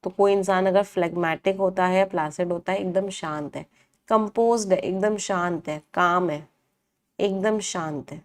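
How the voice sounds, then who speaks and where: A woman's voice: fairly low pitch, fairly even intonation, measured pace. Woman teaching vocabulary in an online class. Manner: asks the class questions and answers them herself, repeats meanings. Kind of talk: online live class, Hindi-English mix.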